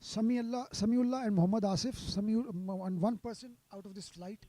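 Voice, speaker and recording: Male golf commentator. High-pitched, very soft-edged mellow tone, sympathetic live calls. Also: fairly quick, no room sound. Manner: sympathetic toward players.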